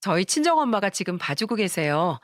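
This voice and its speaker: A woman's voice: sing-song, a little fast, no room sound, clean studio sound, close to an everyday voice. A woman voicing a sweet-talking, two-faced young daughter-in-law with a fawning, coaxing manner in a radio story. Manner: fawning, coaxing, shrill when cornered.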